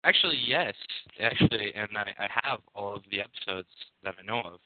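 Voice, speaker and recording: A man's voice: fairly low pitch, animated, a little fast, no room sound. A man calling in over a phone line, talking hesitantly with many fillers. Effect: heard over a phone line. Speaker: caller. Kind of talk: casual chat. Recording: narrow phone-line sound, dry.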